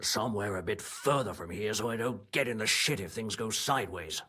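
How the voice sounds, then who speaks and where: A male actor playing a wary, gruff medieval stableman in a video game, grudgingly helpful, with blunt, folksy rustic phrasing. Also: fairly low pitch, a little fast, sharp tone. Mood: grudgingly cooperative.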